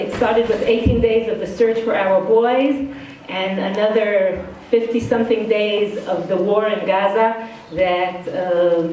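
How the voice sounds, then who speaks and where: A woman's voice: mid-range voice, darkish tone, a little hiss or hum. Middle-aged woman with an Israeli-Brooklyn accent, echoey hall. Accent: part Israeli, part Brooklyn. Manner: frank, casual, self-deprecating. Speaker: guest speaker. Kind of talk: informal talk to students. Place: indoor study hall. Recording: very echoey hall, far from the mic.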